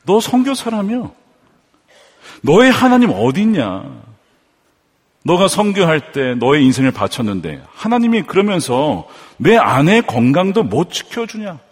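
A man voicing a giant enemy who mocks a believer's faith, slowly drawing out his taunting questions. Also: a little high, very animated, breathy edge, long reverb tail, heavily acted. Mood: mocking. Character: giant male enemy, sneering mocker of faith.

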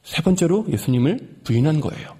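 A man preaching a sermon and retelling a story with dramatic swings, rising for emphasis and dropping to soft, hushed lines. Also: on the high side, very animated, a little fast, breathy edge. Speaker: pastor.

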